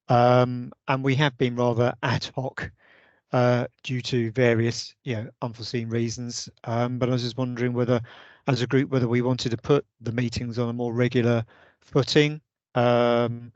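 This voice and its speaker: A man's voice: medium pitch, dry recording, lo-fi sound. A man on an online meeting call, suggesting ideas in a hesitant way with many restarts. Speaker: vice chair of a users' group meeting. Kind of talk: casual online meeting discussion. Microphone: video call.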